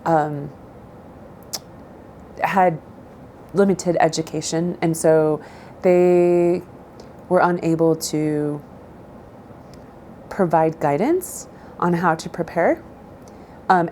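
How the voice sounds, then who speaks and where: Speaking with a low-leaning, warm voice, a middle-aged southern Idaho woman who grew up with Spanish as her first language responds to interview questions thoughtfully and deliberately, pausing often. A little hiss or hum can be heard.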